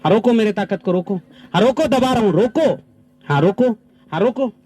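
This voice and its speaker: Brief: male farming trainer, high and animated voice, outdoor field demo, firm repeated instructions. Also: a little fast. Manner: animated, repeats short commands. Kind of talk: live outdoor demonstration with participants. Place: outdoors on farmland under trees.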